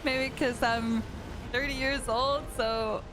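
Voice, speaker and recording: A woman's voice: a little high, steady tone, slow pace, heavy background noise. A woman in her late twenties live-streaming a game, chatting casually with her viewers, answering chat and laughing easily. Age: late 20s. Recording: music playing under the voice. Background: background music.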